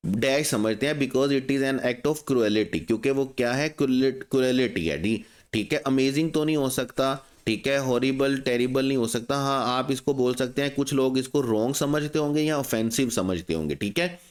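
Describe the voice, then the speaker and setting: A man explains test questions in a lesson, his voice sitting at an ordinary middle pitch. He keeps asking the class questions and answering them himself, slowing right down to read the English sentences aloud. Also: clean tone. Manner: reads English test sentences slowly and deliberately. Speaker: English teacher.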